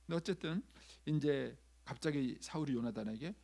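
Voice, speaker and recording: Gravelly, husky-voiced male preacher. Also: medium pitch, moderate pace, warm tone. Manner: acts out quoted lines in changing voices; conversational preaching with frequent filler 'ye'. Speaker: pastor. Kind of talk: sermon. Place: church sanctuary.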